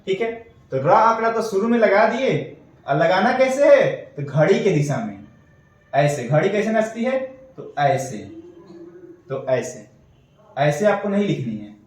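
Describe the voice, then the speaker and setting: A man's voice: high voice, big pitch swings, a little slow, long pauses, heavy reverb, far from the mic, poor audio. A man teaching an online shorthand class, explaining step by step and checking in often. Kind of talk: online lesson.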